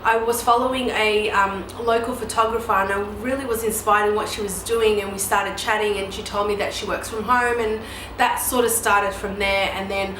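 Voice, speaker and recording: A woman in her mid-thirties, a newborn photographer and educator, answers viewer questions in a chatty Q&A vlog, full of "um"s and "you know"s. Her mid-range voice moves at a moderate pace in an echoey room with steady background noise.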